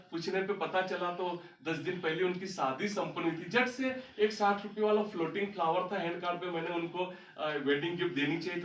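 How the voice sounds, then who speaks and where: A man's voice: high-pitched, a bit bright, far from the mic, slight background noise. A man telling a story about his life to an audience as a motivational speaker, recorded in a large hall. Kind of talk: storytelling talk on stage.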